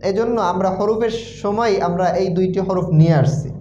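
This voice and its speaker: A man teaching Quran letters in a slow recitation lesson, with a Bangladeshi Bengali accent, repeating each letter sound many times. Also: high voice, dark tone, slight background noise. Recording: roomy, dull lo-fi sound.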